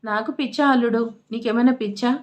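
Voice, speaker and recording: A bossy, crude old grandmother, played by a woman narrator in an audio storybook. She snaps and scolds in coarse, quick retorts, her voice sitting a little on the high side. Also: steady tone, close to an everyday voice. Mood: scolding.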